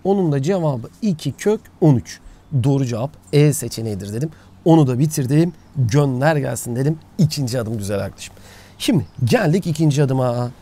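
A man's voice: medium pitch, expressive, fairly quick, dark tone. A man teaching a casual geometry lesson outdoors, asking questions and answering them himself. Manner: talks to himself, asks and answers his own questions. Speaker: math teacher. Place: outdoors, by the sea.

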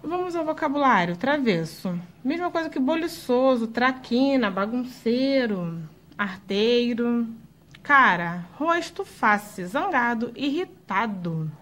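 A woman teaching a recorded lesson to young schoolchildren, slowing down to sound out each word clearly. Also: a little high, expressive, a bit bright. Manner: slow, clearly spelled-out words for young pupils. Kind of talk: recorded video lesson for children.

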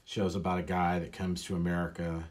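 An illustrator rambles casually while inking a drawing, frequently poking fun at himself. His voice is low and monotone, and he talks a little fast.

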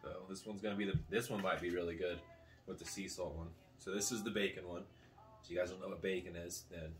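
A man's voice: sits low, flat delivery, fast talker, soft background music. A man in his thirties hosting a homemade food challenge video, chatting casually as he tastes. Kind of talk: casual chat while tasting food. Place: small living room at a table, indoors. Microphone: camera a couple of metres away. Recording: faint room noise, distant camera mic.

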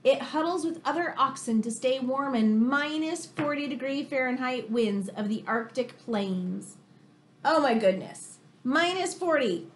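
An American woman in her thirties with a high voice reads a picture book aloud to children, teacher-style. She's expressive and exclamatory, tossing in chatty questions along the way. The reading takes place indoors, in a room of a home.

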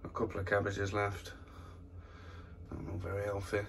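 This man's lowish voice has vocal fry yet a fairly bright tone, and his delivery is completely flat at a moderate pace. Holding his phone, he casually and plainly walks viewers through his windy allotment, with wind noise, and then his indoor plants in a room at home.

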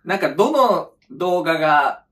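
A man's voice: a little high, big pitch swings, unhurried, fairly bright tone, far from the mic. A man in his thirties chatting politely and apologetically as a video host, a little way from the microphone. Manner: courteous, apologetic. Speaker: YouTube host. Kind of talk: casual chat, polite phone call. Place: home kitchen.

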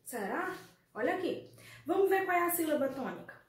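A Brazilian woman with a Brazilian Portuguese accent teaches a remote primary school class, speaking affectionately and asking her pupils questions. Her very high-pitched voice is expressive and brisk. The room echoes, and faint noise is present.

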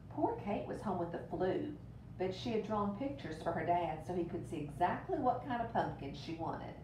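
Deliberate and expressive, a teacher's voice carries a picture book story to young children, with the odd quick aside along the way. The recording sounds roomy and distant, and a low rumble runs through it.

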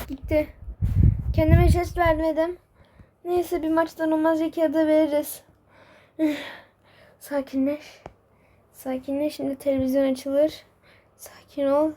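High-voiced, panicky woman role-playing. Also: little pitch movement, a little slow, pauses often, warm tone. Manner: frantic, panicky self-talk. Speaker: video creator narrating a game role-play. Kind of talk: role-play narration, talking to herself. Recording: noisy background with clicks.

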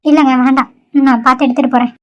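A sad, despairing young woman in a homemade cartoon, voiced by a woman. Her voice is high and she speaks sorrowfully. The recording sounds dull and lo-fi. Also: steady tone, very fast, natural voice. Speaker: cartoon character.

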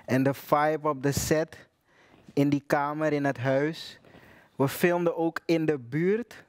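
A young man, an actor, talking relaxed and enthusiastically about his film role on stage. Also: mid-range voice, smooth, no room sound. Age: young adult. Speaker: actor guest. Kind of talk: casual stage conversation.

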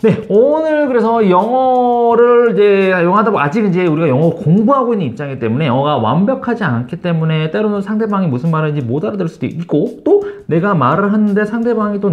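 Man, Korean native, English lesson, fairly high voice, lo-fi sound. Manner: lively, coaching, repeats English phrases slowly. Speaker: English teacher.

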